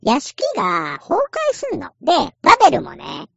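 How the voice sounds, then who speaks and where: Female host, casual game chat, playful, highly expressive pitch swings, crackly edges, slightly dull close recording. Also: moderate pace, creaky, dry recording. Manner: chatty, playful, acts out short quotes.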